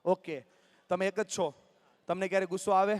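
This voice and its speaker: A motivational speaker, talking live to an audience and coaxing and joking with the crowd. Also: male voice, high voice, steady tone, moderate pace, clear, resonant tone, in a large hall. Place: large hall with live audience.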